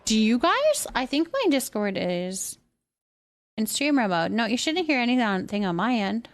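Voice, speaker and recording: Chatting easily with her audience, a woman livestreams a game and helpfully walks viewers through the steps as she plays. Her voice is fairly high and sing-song, at a moderate pace.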